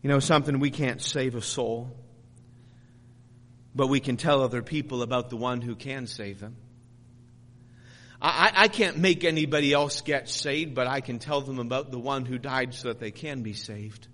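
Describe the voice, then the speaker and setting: A man's voice: medium pitch, moderate pace, a bit bright. A man preaching a sermon as pastor, rising and falling in intensity, stretching key phrases and reading scripture aloud. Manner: reads scripture in King James wording. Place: church sanctuary. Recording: long hall reverb.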